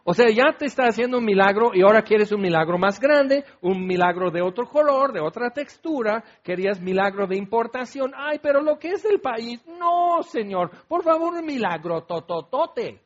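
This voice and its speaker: A whiny, exasperated complainer pleading with God, his voice pitched up high in a nagging sing-song, as a preacher puts him on. The sound is dull and lo-fi. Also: lively intonation, moderate pace, hardly any pauses.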